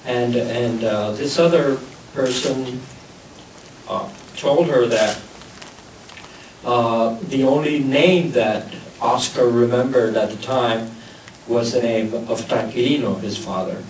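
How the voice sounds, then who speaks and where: A man interprets consecutively at a panel, speaking slowly with frequent fillers. He sounds distant in a roomy hall, with faint noise behind him. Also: medium pitch. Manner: halting, many fillers.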